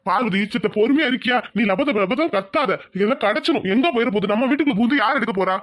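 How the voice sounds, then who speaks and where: Patient cartoon husband, soothing, quick-talking, a bit high, voiced by a woman. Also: lively intonation, close to an everyday voice. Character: calm middle-aged husband and mill owner.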